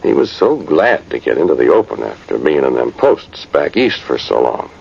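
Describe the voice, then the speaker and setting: This American man's bass voice is gravelly, husky and a little mellow, delivered at normal speed with a sing-song lilt and heavy acting. He plays a plain-spoken old cavalry sergeant fondly recalling the past, rambling rustically through 1950s radio drama narration on a muffled, noisy vintage recording.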